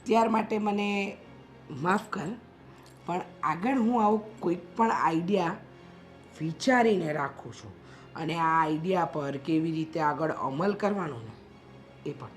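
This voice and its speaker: Sly scheming friend. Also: female voice, lowish voice, expressive, a little slow, soft background music. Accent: Gujarati.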